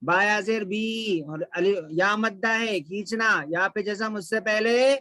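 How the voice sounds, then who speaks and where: A man teaching tajweed, explaining each letter and sound in quick bursts, then chanting the verses slowly and melodically. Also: sits high, sharp tone, no echo. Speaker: Quran recitation teacher. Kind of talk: tajweed lesson with slow chanted recitation.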